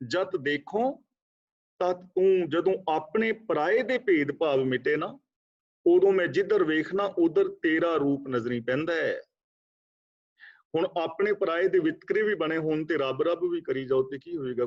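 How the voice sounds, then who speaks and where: Man giving a scripture talk, lo-fi. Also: fairly high pitch. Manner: chants scripture lines slowly, then explains them conversationally. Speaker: Sikh scripture teacher. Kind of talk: religious discourse class. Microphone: video call. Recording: dull lo-fi online call audio.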